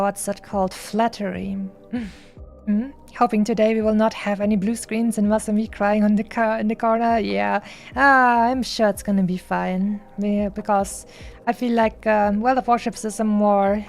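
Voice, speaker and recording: Creaky-voiced woman streaming a game. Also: medium pitch. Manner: playful, rambling, paraphrases characters. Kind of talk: casual gameplay commentary. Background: game music.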